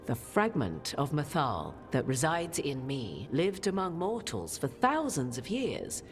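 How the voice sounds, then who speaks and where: An ancient, imperious, cryptic witch from a fantasy game delivers formal, archaic dialogue in a studio recording, clear background music behind her. Her voice is low for a woman, exaggerated and wry, swinging hugely in pitch with deliberate, theatrical phrasing.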